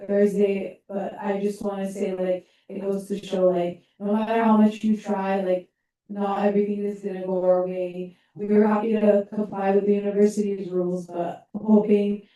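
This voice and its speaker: A young woman giving public comment at a student meeting, earnest and halting with fillers. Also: mid-range voice, little pitch movement, warm tone. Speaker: student club speaker. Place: large meeting room. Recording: echoey hall, mic from a distance.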